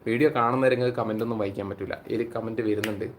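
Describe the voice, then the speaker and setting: A man's voice: lowish voice, steady tone, rapid-fire, slight background noise. Chatty man hosting a phone live stream. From Kerala, India. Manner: chatty, greets viewers by name and reads their comments aloud. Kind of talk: casual live-stream chat.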